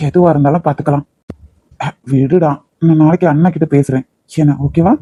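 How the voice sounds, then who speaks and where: A man voicing a protective young husband in an animated cartoon, firm yet soothing. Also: a little high, brisk, husky, no room sound, lo-fi sound, soft background music. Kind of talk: cartoon voice acting.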